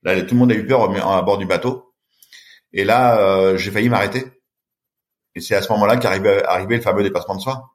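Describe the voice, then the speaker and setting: A middle-aged podcast guest who swims long distances speaks fairly quickly in a lowish voice. He narrates a story with animation and mimics the voices of those involved.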